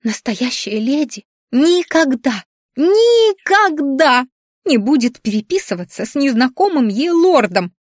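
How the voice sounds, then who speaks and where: A woman's voice: a little mellow, slightly rough, no room sound, clean studio sound. A woman voicing a plump hoofed female creature, a fussy, doting governess who gushes and frets dramatically. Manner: gushing, shrill and dramatic.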